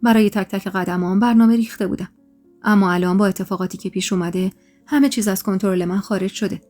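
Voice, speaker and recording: A grave middle-aged man, speaking in a low, muffled and earnest way, as read by a woman narrator. Mid-pitched, with faint music underneath. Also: steady tone, darkish tone, close to an everyday voice. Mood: confiding.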